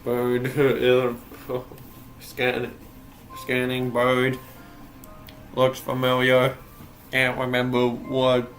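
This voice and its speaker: A man doing a clipped, halting male robot. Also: medium pitch, monotone, a bit bright, faint music behind. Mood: deadpan robotic. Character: flat-voiced male robot, slow, clipped and mechanical. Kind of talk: playful voice during game commentary.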